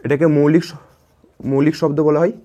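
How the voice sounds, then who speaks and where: A man's voice: fairly high pitch, steady tone, fairly quick, mellow, husky. A man teaching a grammar lesson to children, repeating points and asking if they follow. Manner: repetitive, checks in with "ঠিক আছে?" often.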